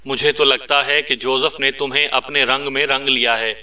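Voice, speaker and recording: A man voicing a brisk, sharp-tongued female agent in a read-aloud story. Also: mid-range voice, flat delivery. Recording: distant mic.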